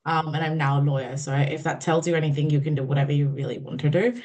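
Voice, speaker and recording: A woman's voice: low-pitched, steady tone, fast, darkish tone. A woman who grew up in the Middle East introduces herself on an online panel, upbeat and chatty. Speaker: panellist, lawyer. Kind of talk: casual self-introduction. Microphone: online video call.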